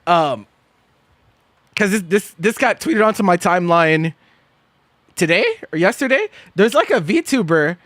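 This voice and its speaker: A young male streamer in casual chat, bright and sharp-toned, with a bone-dry close sound. He reacts with disbelief, swears freely, repeats himself and keeps cracking up. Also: sits high, animated, unhurried, pauses often, no echo. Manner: incredulous, laughs often, swears, repeats himself.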